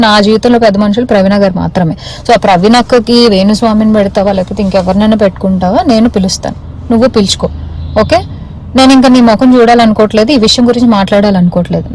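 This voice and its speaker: A woman records a phone voice message at a quick clip, firm and insistent, circling back to the same points and slipping in English phrases. Her pitch sits in an ordinary middle range, and a faint hiss runs under the message. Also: darkish tone, rough recording. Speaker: sender of the message. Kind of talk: voice message left for a man.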